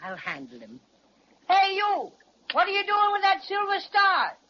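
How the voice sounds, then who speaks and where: A woman's voice: very high voice, huge pitch swings, measured pace, slight background noise, exaggerated voice. A woman voicing a cheerful, boastful stuffed teddy bear with quaint folksy phrasing in a 1930s children's radio serial. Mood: bossy. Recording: muffled 1930s radio transcription.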